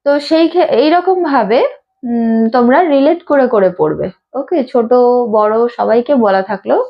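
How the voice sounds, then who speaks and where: A woman's voice: sits high, lo-fi sound. A woman teaching pronunciation in a classroom, patiently repeating each sound over and over. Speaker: English teacher. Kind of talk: spoken lesson to a small class. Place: classroom with a board.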